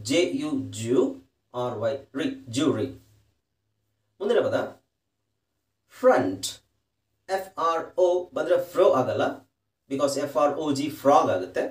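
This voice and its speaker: Slow, lively-pitched male English teacher. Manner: spells words letter by letter, explains slowly. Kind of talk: spelling and pronunciation lesson. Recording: roomy echo, distant from the mic.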